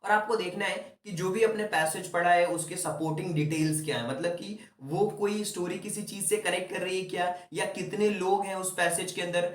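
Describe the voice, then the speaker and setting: A man's voice: sits high, fairly even intonation, fairly quick, hardly any pauses, far from the mic. A young man teaching an exam-prep lesson in a chatty, coaching way, mixing in English terms. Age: young adult. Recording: echoey room, voice set back from the mic.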